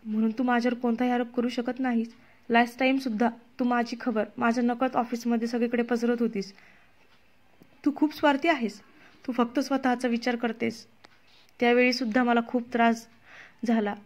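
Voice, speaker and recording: A woman's voice: a little high, a little mellow, lightly acted. A woman voicing a young divorced woman who answers accusations in an emotional, indignant way. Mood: hurt.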